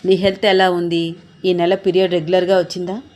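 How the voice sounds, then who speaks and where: A woman's voice: lowish voice, flat delivery, a little fast, darkish tone, close to an everyday voice. Woman reading as a frank kindly lady doctor. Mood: frank encouraging. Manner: frank, encouraging. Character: brisk, kindly woman gynecologist.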